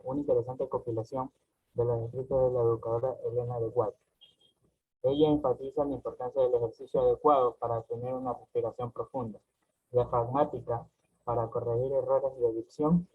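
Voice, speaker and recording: A man presenting to his class, reading his text in a careful, measured way. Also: mid-range voice, breathy edge. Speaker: student presenter. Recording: tinny phone-like call audio.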